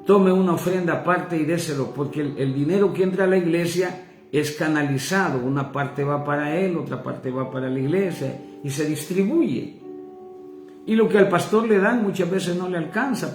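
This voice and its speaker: A man's voice: fairly high pitch, moderate pace. A man with a Mexican accent preaching a sermon as pastor, impassioned and calling listeners brother. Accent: Mexican Spanish. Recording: echoey room with faint guitar music.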